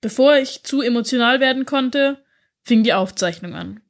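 A woman narrating a scripted story. Her voice sits on the higher side, and her delivery is measured and emotional.

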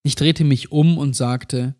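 A man narrating a first-person horror story in a measured, somber way. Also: mid-range voice, steady tone, darkish tone.

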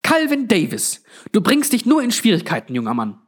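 A man's voice: high-pitched, very animated, quick pace, pitched above the performer's own voice. A man voicing a stern, snappish old woman who runs a lonely motel, hissing and scolding.

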